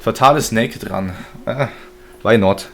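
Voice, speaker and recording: A man's voice: fairly low pitch, measured pace, gravelly, a little hiss or hum. A man casually commenting on his gameplay during a live stream, joking and chatting with his viewers. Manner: joking, chatty, reads chat aloud. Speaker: game streamer.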